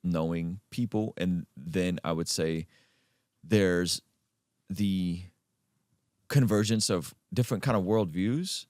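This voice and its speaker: A man from Azerbaijan hosting a podcast conversation, talking emphatically and leaping up in pitch to stress his points. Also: slow, pauses often, darkish tone, no room sound, clean studio sound. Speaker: podcast host.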